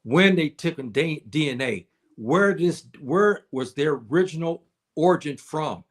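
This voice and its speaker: A man hosting a casual livestream, answering his chat in a halting way with many repeated words and fillers. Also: fairly high pitch, lively intonation. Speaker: livestream host reading chat. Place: indoors, living on the African continent.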